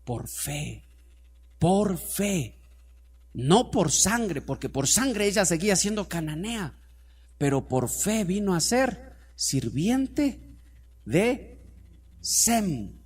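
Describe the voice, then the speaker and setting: Male pastor, sermon delivery, high voice with big pitch swings, call-and-response with the congregation. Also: sing-song, extremely slow, long pauses, slightly rough. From Ecuador. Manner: preaching to a congregation, calls for responses, swings from soft to loud.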